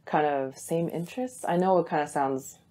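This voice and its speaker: A woman's voice: sits low, moderate pace, dark tone. A woman guest on a podcast, chatting casually in an easygoing, hedging way.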